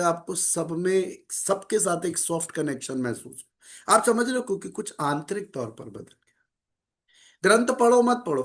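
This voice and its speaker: Calm middle-aged guy, measured spiritual talk, voice a bit on the high side. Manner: calm, measured, mixes Hindi with English phrases. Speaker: spiritual speaker.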